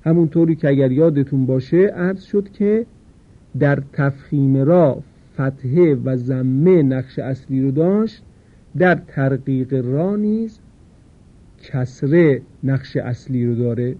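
A man teaching a Quran recitation lesson, explaining rules patiently and slowly drawing out the example words. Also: mid-range voice. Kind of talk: tajweed lesson. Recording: tinny phone-like lo-fi sound.

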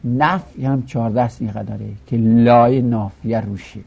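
A man's voice: medium pitch, fairly even intonation, vocal fry, darkish tone, breathy edge. A man teaching a grammar lesson, reciting verb forms in a rhythmic, chanting way. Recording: dull lo-fi recording.

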